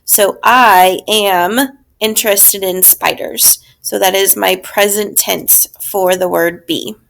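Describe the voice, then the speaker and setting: Woman teacher, unhurried, patient grammar walkthrough for kids, mid-pitched. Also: fairly even intonation, vocal fry, fairly bright tone. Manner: slow, patient, explaining step by step. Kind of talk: recorded grammar lesson.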